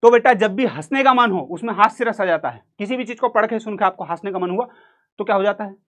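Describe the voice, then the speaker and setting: For an exam-prep literature class, a man speaks in a high, fairly bright voice at a quick pace, using a central Indian Hindi accent. He teaches in a playful, joking manner, acting out quotes and singing bits of songs.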